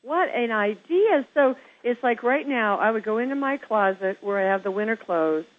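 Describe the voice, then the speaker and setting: A woman's voice: a little high, lively intonation, moderate pace. A middle-aged woman from Kansas hosting a casual interview, gushing with praise and calling her guest girl. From Kansas, USA. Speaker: host of a home-staging show. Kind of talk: casual interview on a phone line. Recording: tinny phone line.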